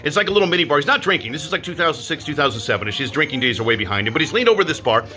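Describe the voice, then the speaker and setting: Fast-talking, bright-voiced male storyteller. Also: on the high side, soft background music. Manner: animated, emphatic anecdote-telling. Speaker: radio DJ. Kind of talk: casual storytelling to camera.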